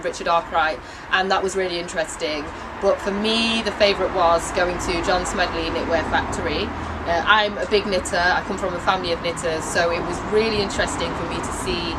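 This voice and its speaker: A woman who knits, telling about a visit in a casual, upbeat and playful way. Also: on the low side. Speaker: knitter on a visit. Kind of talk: casual account. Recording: outdoors with traffic noise.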